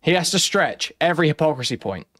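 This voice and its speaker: Blunt, sweary man, slightly high-pitched, dry sound. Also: expressive, fast talker, fairly bright tone, dry recording. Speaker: streamer commentator. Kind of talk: casual opinionated group commentary.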